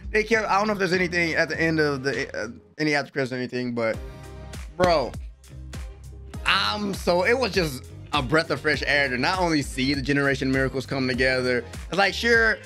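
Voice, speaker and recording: A young American man hosts anime reactions, giving casual, emphatic commentary packed with slang. His fairly high voice is animated, fairly quick and sharp-toned. He's close up on a desk microphone while wearing a headset in a small room at home, with soft background music.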